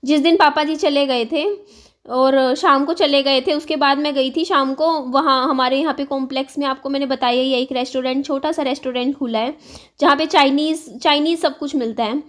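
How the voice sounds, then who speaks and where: Soft-spoken Hindi vlogger woman, strained throat. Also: fairly even intonation, brisk. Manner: low-spirited, confiding, rambling with restarts. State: sore, strained throat with throat clearing. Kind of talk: casual chat to camera.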